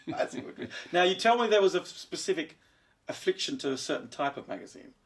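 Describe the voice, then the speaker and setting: A man hosting a casual podcast, quick with animated, jokey interjections. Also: high-pitched. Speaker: podcast host.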